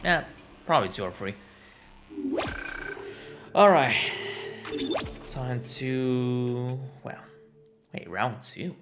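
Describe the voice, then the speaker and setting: A man's voice: mid-range voice, animated, extremely slow, pauses often. A man streaming a game, thinking aloud in casual, rambling commentary. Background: loud game music.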